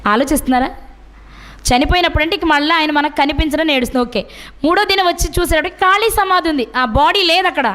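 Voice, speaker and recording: A woman's voice: very high voice, fairly bright tone. A middle-aged woman preaching a sermon, asking her listeners question after question. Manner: asks the listeners many rhetorical questions.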